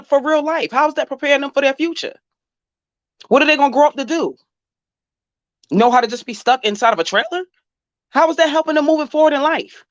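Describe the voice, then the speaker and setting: A woman vlogger with a high voice gives casual reaction commentary, scolding the person she's criticizing directly with blunt, profane language. The recording is dry, with the highs cut off.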